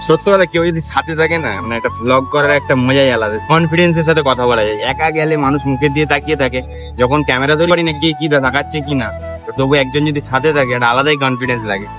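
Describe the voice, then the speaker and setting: A man's voice: medium pitch, very fast, music in the background. A young man from West Bengal, chatting casually as a travel vlogger at a train station and on a train, filmed on a handheld camera and often asking "right?". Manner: chatty, keeps asking "ঠিক আছে?", talks softly when alone.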